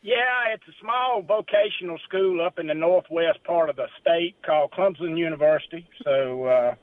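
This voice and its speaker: A middle-aged Southern man calls in to a radio show over a tinny, narrow phone line. His voice sits a little high for a man, and he talks in a friendly, folksy way, pausing on fillers. The sound is dry and close. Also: dry recording. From South Carolina. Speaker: timber association president, guest. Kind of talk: casual radio interview.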